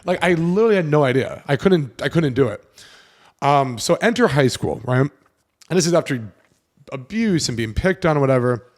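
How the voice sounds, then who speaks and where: Young male podcast host from South Florida, casual storytelling, animated, foul-mouthed. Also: fairly high pitch, moderate pace. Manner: animated, swears freely, acts out his younger self.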